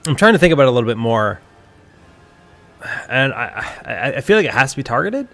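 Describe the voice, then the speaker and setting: A man's voice: mid-range voice, very animated, a little fast, fairly bright tone, faint music behind. A man giving esports draft analysis, thinking aloud with hesitant restarts as he works through his ideas. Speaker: esports caster.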